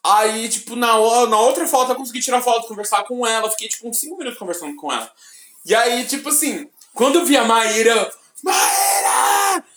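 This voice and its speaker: A man with a deep voice, co-hosting a podcast and telling stories with excitement and sudden shouted bursts. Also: quick pace, a faint crowd, a little hiss or hum. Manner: excited storytelling, bursts of shouting when retelling. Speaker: podcast co-host. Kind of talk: casual chat. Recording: roomy echoey room.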